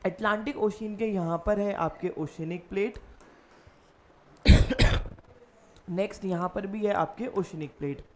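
Lady teacher doing an online class, mid pitch, asks then answers her own questions, bit of faint hiss behind. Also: unhurried, pauses often. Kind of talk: online lecture walking through slides.

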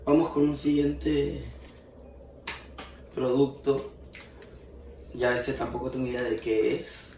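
A man's voice: mid-range voice, level tone, slow pace, pauses often, mellow. A man hosts a casual chat, curious and full of follow-up questions. His voice is caught from a distance in an echoey room. A light noise floor hums behind him. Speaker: interviewer host. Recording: roomy, distant mic with faint noise.

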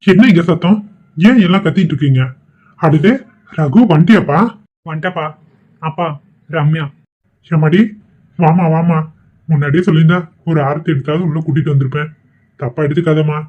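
A man voicing a kindly middle-aged father in a cartoon, speaking gently to calm the family. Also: a little high, a little fast, long pauses, phone-quality sound, natural voice. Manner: gentle, placating.

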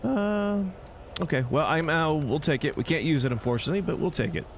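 In an animated, slightly high voice at a fairly quick pace, a gameplay host chats through a let's play, joking with the game's characters. Game music and action sounds run underneath, along with slight background noise.

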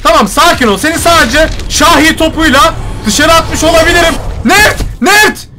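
A young man commentating his own gameplay, joking and shouting at the game characters. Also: extremely high pitch, fairly quick, noisy background. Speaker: gaming YouTuber. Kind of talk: let's play commentary.

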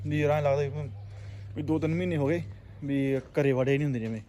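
Higher-voiced Punjabi man vlogging casually. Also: fairly even intonation, brisk, mellow. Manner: informal, earthy, exclamatory, repeats himself. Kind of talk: casual chat to viewers. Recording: noisy, birds and ambient sound. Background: pigeons and ambient noise.

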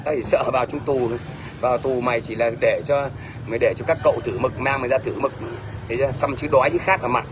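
A middle-aged man with a medium-pitched voice and a Northern Vietnamese accent talks fast, bluntly chewing out a commenter during a livestream. He often asks "thấy chưa?" Faint background noise can be heard.

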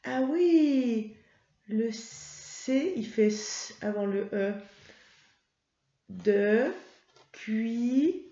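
A woman teaching a first-grade reading lesson, patient and encouraging, spelling out letters slowly for young pupils. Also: a little high, warm tone. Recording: roomy, slightly dull home recording.

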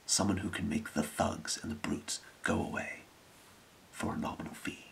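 A man in a whispered role-play, playing a scheming thieves' guild boss with a breathy, creaky whisper and a measured, secretive delivery. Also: low-pitched, level tone, slight background noise. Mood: hushed, calculating.

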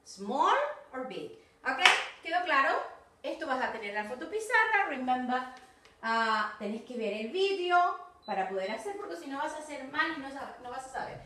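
A woman teacher with a Rioplatense Spanish accent, recording a video lesson for children and modeling English phrases slowly and with exaggeration. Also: sits high, expressive, pushed and bright. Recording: echoey room, distant mic.

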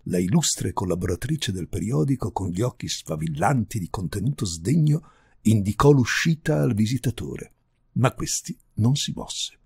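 Un uomo che legge un racconto umoristico ad alta voce, con tono espressivo e teatrale. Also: male voice, on the low side, moderate pace, creaky, slightly rough, no room sound, studio quality. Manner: expressive, theatrical. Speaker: reader. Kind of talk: storytelling reading.

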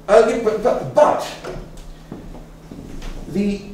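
A man's voice: high voice, drawn-out words, darkish tone. Older man lecturing in an echoey room. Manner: rambling, chatty, with many fillers and restarts. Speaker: speaker giving a talk to a local society. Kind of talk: informal lecture. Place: meeting room with an audience. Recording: echoey room, mic far off, faint room noise.

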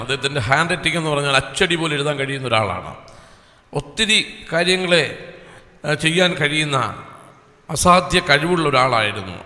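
Bright-voiced man testifying in a hall. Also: a little high. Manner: earnest storytelling with long pauses. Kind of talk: personal testimony at a church service. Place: small church hall. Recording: echoey hall reverb.

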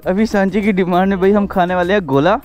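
A man's voice: high-pitched, steady tone, quick pace, a little mellow, lo-fi sound, soft background music. A man vlogging casually outdoors in a park, teasing and laughing often. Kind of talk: casual vlog chat. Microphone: action camera.

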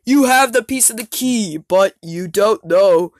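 A woman's voice: medium pitch, animated, a little slow, no echo, clean studio sound, close to an everyday voice. A woman putting on the voice of a sinister male ice cream man villain, taunting a caged captive in a mocking, gloating way.

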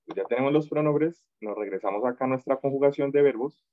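A man teaching an online French class, drilling verb forms slowly and patiently. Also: medium pitch, no echo, narrow, tinny audio. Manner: slow, patient drilling of conjugations. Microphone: video call.

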